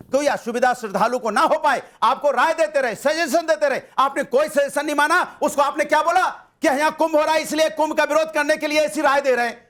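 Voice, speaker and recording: Very high-pitched, fast insistent man. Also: fairly bright tone. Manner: insistent, repeats demands, talks over others. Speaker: opposition party spokesperson on a TV debate. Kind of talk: heated televised political debate.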